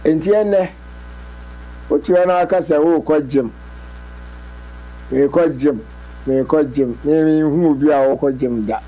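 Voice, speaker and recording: Slow, husky Ghanaian man explaining. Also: a little high, mellow, rough recording. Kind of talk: explaining in casual Twi chat.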